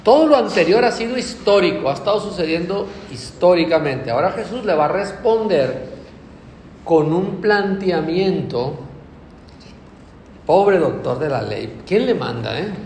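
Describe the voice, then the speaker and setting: A man preaching a sermon, animated, acting out little examples in other voices. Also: sits high, a little slow, slight background noise. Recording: echoey hall with faint ambience.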